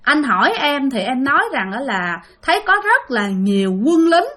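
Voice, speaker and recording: A woman's voice: high-pitched, sing-song, normal speed, sharp tone, full character voice. A woman voicing a worried husband who coaxes and pleads with his wife.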